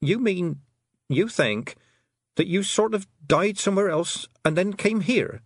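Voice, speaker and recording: A man's voice: high voice, expressive, breathy edge, no echo, clean studio sound, voice pushed up, exaggerated voice. A man doing an earnest young girl. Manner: questioning, earnest, slowed. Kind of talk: audiobook character voice.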